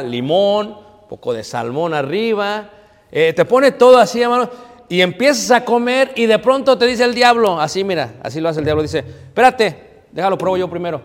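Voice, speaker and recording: A male pastor delivers a conversational sermon in a high voice. He keeps prompting his congregation to finish the verses. A long reverb from the large hall follows his words.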